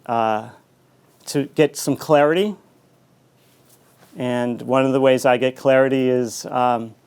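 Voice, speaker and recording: A middle-aged man giving a conversational author talk in a reflective, halting, anecdotal way. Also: mid-range voice, darkish tone, smooth. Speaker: author and school teacher giving a book talk.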